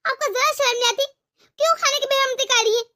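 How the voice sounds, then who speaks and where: A woman voicing a proud, sharp-tongued young daughter-in-law in a cartoon, lecturing her in-laws. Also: extremely high pitch, fairly even intonation, quick pace. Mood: indignant. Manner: indignant, lecturing. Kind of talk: cartoon voice acting.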